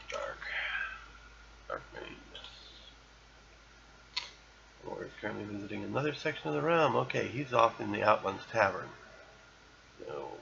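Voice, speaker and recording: With a low, very gravelly voice, a male podcast host narrates casual gameplay of an old online game, reading its messages aloud and boasting playfully. The audio is muffled, lo-fi, and a bit bright, with a faint hiss beneath it.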